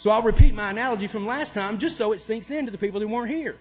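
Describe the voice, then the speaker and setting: A man's voice: high voice, very fast. A man giving a heated, sarcastic public comment speech at a city council meeting, driving his points home with repeated questions. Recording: tinny, echoey hall with mains hum.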